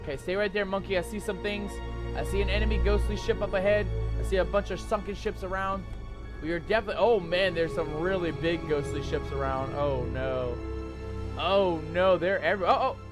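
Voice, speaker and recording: A man's voice: sits high, brisk. A man hosting a gaming video, commentating in a playful, theatrical manner with bits of pirate slang. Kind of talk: excited gameplay commentary. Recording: loud game music behind the voice. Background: loud game music.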